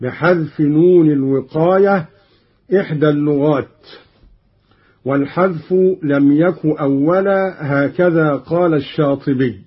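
A husky, slightly raised male voice explains recitation variants at a very slow, deliberate pace. He breaks off to chant each cited verse in a drawn-out way. The sound is dull and lo-fi, like an old archival radio recording. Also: on the high side. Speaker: Quran recitation teacher.

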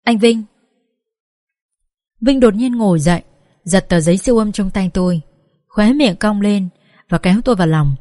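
A woman's voice: mid-range voice, a little fast, dry recording, clean studio sound. Woman reading an emotional story. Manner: expressive, acts out sobbing pleas. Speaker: audiobook reader.

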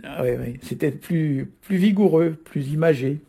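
A man's voice: fairly high pitch, measured pace, gravelly, dark tone, husky. A man from Brittany explaining Breton words as a radio guest, in a hesitant, explanatory way with many fillers. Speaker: Breton language guest teacher.

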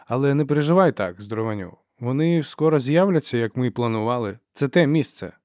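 A man puts on a weary northern warrior with a guarded, soothing way of talking, pitched above his own low voice. His voice sounds dry and close. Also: animated, fairly quick, darkish tone, dry recording, natural voice. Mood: uneasy. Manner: placating, careful. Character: weary wary male northern warrior, middle-aged.

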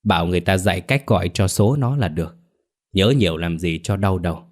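A man voicing a poor, stubborn old village father who talks gruffly. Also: low-pitched, fairly quick. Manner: gruff, dismissive.

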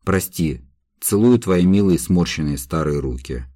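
A man's voice: sits low, animated, unhurried, dark tone, dry recording, clean studio sound. A man reading as a young condemned prisoner, tender and anguished. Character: young condemned revolutionary man, gentle and loving.

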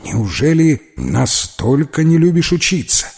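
A man's voice: on the high side, big pitch swings, a little slow, vocal fry, a little mellow, voice pushed up, heavily acted. A man voicing a tall, skinny, grumbling schoolboy in a children's storybook. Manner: grumbling, dry. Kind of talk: storybook character voice.

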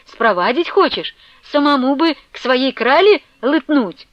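A shrill, jealous village woman raging and hurling threats at the top of her voice, as a woman reader puts her on. Her high voice drags out each accusation slowly. The audiobook recording is dry and a little dull. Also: animated, no echo. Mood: scornful. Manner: loud, slow, shouting threats.

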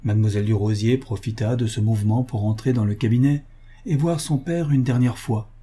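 Husky dark-voiced male narrator. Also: mid-range voice, brisk. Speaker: audiobook narrator. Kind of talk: scripted narration.

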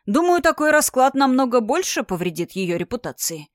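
A woman's voice: high-pitched, sing-song, normal speed, no echo, clean studio sound, pitched above the performer's own voice. Brief: woman reading a stern, curt male lawman in an audiobook. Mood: commanding. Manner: cold, curt, commanding. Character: stern, imposing male magic policeman.

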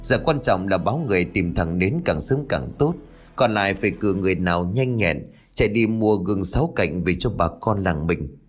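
A man's voice: low-pitched, expressive, faint music behind. A man voicing a harried, impatient middle-aged village chief in a spoken ghost story. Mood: hurried. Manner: hurried, pressed for time.

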